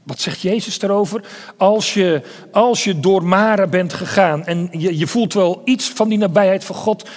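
A man preaching a sermon in an earnest way, often repeating words and dropping into hushed tones. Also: high-pitched, normal speed, long reverb tail.

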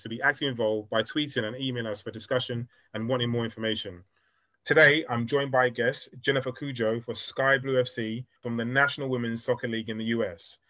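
A man hosting a football podcast, talking quickly and leaning on "obviously" as he asks questions, on a dull, dry recording. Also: mid-range voice, a bit bright, no room sound. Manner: fast, leans on "obviously". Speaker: podcast host. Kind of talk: podcast interview.

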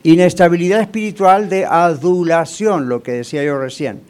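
High-voiced male pastor preaching. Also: moderate pace, darkish tone. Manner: conversational, asks the congregation rhetorical questions. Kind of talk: sermon.

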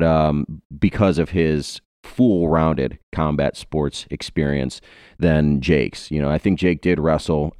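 A man's voice: rumbling low, mellow, no room sound. A man in his twenties from Ohio, hosting a podcast in a rambling, joking way with many fillers. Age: 20s. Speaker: podcast host. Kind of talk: casual podcast chat.

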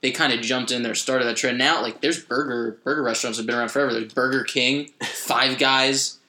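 A man's voice: medium pitch, fairly even intonation, brisk, pushed and bright, roomy sound. A man hosting a casual podcast, introducing segments and explaining at length. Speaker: host.

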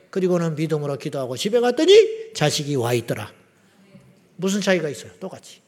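A man preaching a sermon as pastor, acting out quoted prayers and rising to loud cries. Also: high voice. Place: large church sanctuary. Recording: long hall reverb from church sanctuary.

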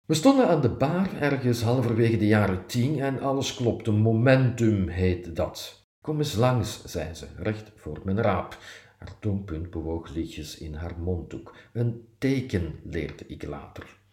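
Man, very low voice, dark mellow tone, dry self-mocking column reading, roomy echo. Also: lively intonation, measured pace. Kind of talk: reading a personal column aloud.

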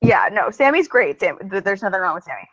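A woman's voice: medium pitch, sing-song, fast talker, fairly bright tone. A woman co-hosting a casual chat podcast, explaining things at length with lots of ums. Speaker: podcast co-host. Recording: slightly dull lo-fi recording.

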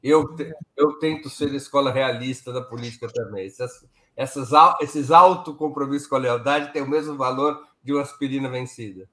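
An older man giving casual, animated political commentary, telling anecdotes with rhetorical asides. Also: medium pitch, fairly quick. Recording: echoey room.

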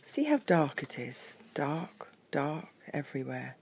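Woman playing a gentle mother bear. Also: sits low, big pitch swings, slow, gravelly, breathy edge, exaggerated voice. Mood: soothing. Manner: soft, soothing, partly whispered. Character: gentle mother bear soothing her cub.

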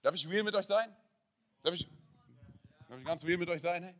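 Male pastor, high bright voice, energetic sermon delivery peppered with "hey". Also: normal speed. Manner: energetic preaching with frequent "hey" interjections.

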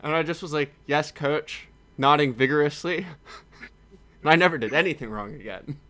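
A young man, a former college football player, chatting casually and telling stories with lively, acted-out quotes. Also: fairly high pitch, a little fast. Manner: animated storyteller, acts out quotes. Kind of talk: casual chat.

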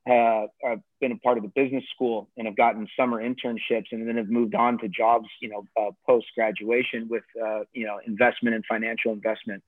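A man's voice: mid-range voice, no room sound. Man on a tinny, dry call line. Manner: rambling, many fillers and restarts. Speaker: college tennis coach. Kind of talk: casual interview.

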